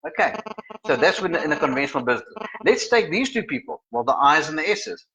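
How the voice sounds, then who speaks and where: Middle-aged man, trainer type, bright and lively delivery, acts things out. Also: fairly high pitch, fairly quick. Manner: animated, acts out examples in voices. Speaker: personality trainer. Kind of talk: live-streamed lesson. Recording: slightly muffled sound.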